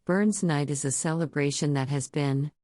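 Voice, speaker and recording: An American woman dictating a scripted text as a language teacher, in short, deliberate phrases with the punctuation spoken aloud. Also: low voice, dark tone, no room sound, studio quality. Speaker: English teacher reading a dictation exercise.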